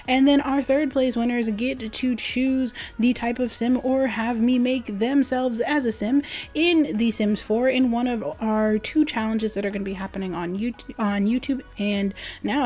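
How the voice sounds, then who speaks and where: A woman's voice: a little high, a little mellow. A woman hosting a gaming channel, making a hyped, gushing, informal giveaway announcement to her viewers.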